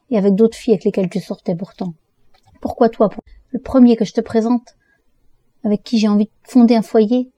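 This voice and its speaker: A woman's voice: medium pitch, mellow, husky, no echo, natural voice. A woman reading a curt, mocking older brother. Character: adult man, touchy tipsy older brother. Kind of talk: audiobook dialogue reading.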